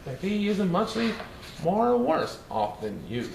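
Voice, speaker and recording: A man's voice: high-pitched, very animated, measured pace, gravelly, darkish tone, exaggerated voice. A man voicing a playful, mischievous male cartoon cat, reading a rhyming storybook in a sing-song, bouncy way. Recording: roomy echo, faint hiss.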